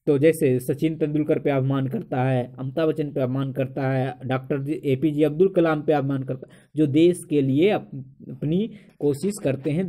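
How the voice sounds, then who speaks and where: A man's voice: a little high, dark tone. A man teaching a school poetry lesson, asking questions and answering them himself, calling the viewers his friends. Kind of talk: explaining a school poem lesson.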